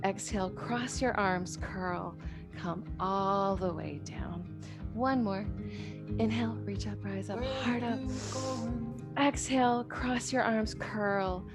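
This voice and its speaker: A woman's voice: mid-range voice, slow pace. A woman yoga instructor guiding a class with short, repeated instructional cues and counts. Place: online class, instructor watching students on a monitor. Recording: background music with plucked guitar.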